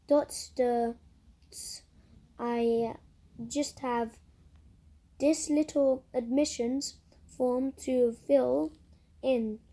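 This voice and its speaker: A posh, jittery young doctor from a storybook, put on by a woman. He stumbles over his words and apologises in a high, raised voice, with a soft, mellow tone. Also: exaggerated voice. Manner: flustered, apologetic, stammering.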